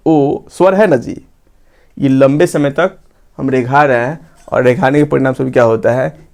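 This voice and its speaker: During his grammar class, this man asks questions and supplies the answers, slowing down to repeat phrases for note-taking. His medium-pitched voice is gravelly and a little mellow.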